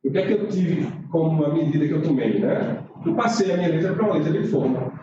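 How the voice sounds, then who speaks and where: A man's voice: on the high side, lively intonation, fast. A male teacher explains writing errors step by step, checking in often with "tá?". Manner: explanatory, frequent "tá?" check-ins. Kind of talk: online writing lesson. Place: room, recorded live stream. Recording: roomy, distant, dull mic with noise.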